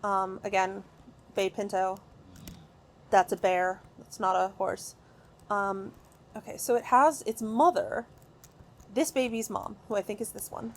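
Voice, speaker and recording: An excitable woman talks her way through a video game from her home recording room. Her speech rambles and doubles back, full of fillers and restarts. Her voice sits at a middle pitch, with faint ambience in the background. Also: a little slow, pauses often, slight background noise. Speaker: gaming video creator. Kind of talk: casual gameplay commentary.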